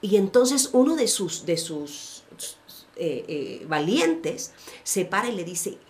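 A woman's voice: on the low side, takes it slowly. A woman, a pastor co-hosting a casual faith chat, telling stories with slangy asides. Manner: animated storytelling with slangy asides. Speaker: podcast co-host, pastor.

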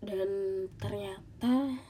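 A woman hosting a podcast as a casual, halting monologue, with a congested, nasal voice like a blocked nose. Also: mid-range voice, mellow, slight background noise. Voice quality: congested, stuffy-nosed nasal voice. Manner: informal, halting, with audible sighs. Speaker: podcast host.

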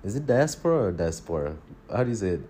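A man's voice: lowish voice, very fast, warm tone, a little hiss or hum. A man from Tanzania co-hosting a casual podcast over a phone, rambling, restarting his sentences and chuckling between thoughts. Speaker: podcast co-host.

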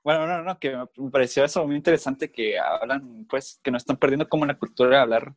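A man's voice: mid-range voice, fast, dry recording. A man, an easygoing co-host chatting casually on a podcast. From Guatemala. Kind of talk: casual chat.

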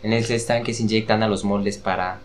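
A man, a guest expert explaining patiently in a measured way with hesitant fillers. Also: on the low side, steady tone. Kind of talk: casual explanatory chat.

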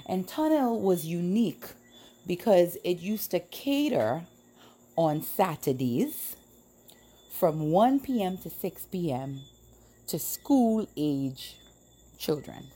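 Slow, sing-song, and warm, her lowish husky voice carries her stories as a late-thirties Trinidadian livestream host. She chats familiarly and casually, addressing the audience often, with background music underneath.

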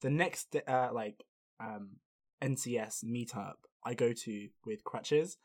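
A young man hosting a podcast, telling a story in casual chat, animated and swearing freely. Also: mid-range voice, takes it slowly. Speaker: podcast host.

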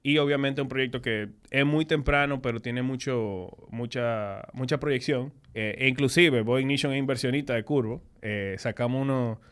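A man's voice: medium pitch, normal speed, hardly any pauses, clean tone. A man with a Dominican Spanish accent talking casually as a podcast host. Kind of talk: casual chat.

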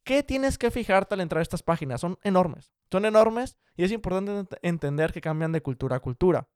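A young man giving casual career advice straight to the viewer, direct, brisk and encouraging. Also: sits high, expressive, clean tone, no room sound, clean studio sound. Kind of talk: casual explanatory talk to viewers.

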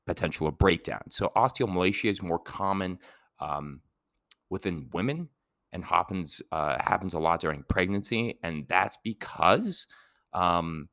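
A man's voice: low voice, no room sound, clean studio sound. A man giving a casual, rambling explainer lesson, drifting into side tangents. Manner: rambling, digressive, relaxed. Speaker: educator.

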